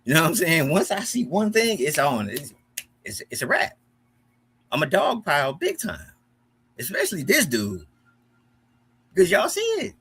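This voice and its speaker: Heated, profane American man, animated. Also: a little high, husky. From United States. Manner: animated, profane, repeats himself when heated. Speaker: commentary host. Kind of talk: heated reaction commentary.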